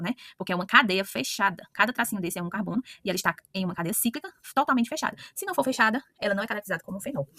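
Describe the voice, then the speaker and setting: A woman's voice: fairly high pitch, bright, forceful tone. A woman teaching a chemistry lesson, talking straight to her students, asking "né?" often and correcting herself mid-sentence. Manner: talks to students directly with frequent questioning "né?" and self-corrections. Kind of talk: online lesson explaining to students.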